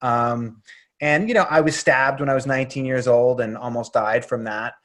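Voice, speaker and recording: A middle-aged man from the area, a breathwork coach answering interview questions in a relaxed, open way. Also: medium pitch, moderate pace. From Boston area, US. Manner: relaxed and open, laughs easily.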